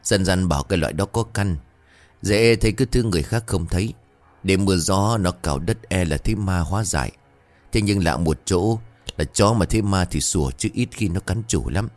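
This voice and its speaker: A man voicing a quick-witted young village man of about twenty who speaks in knowing warnings. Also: sits low, lightly acted. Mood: calculating.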